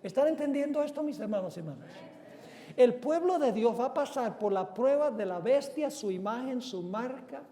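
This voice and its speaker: High-voiced male pastor in a reverberant hall. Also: expressive, moderate pace. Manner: asks the congregation questions and answers them himself; emphatic, swells loud on key words. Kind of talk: sermon. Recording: long reverb of a large hall.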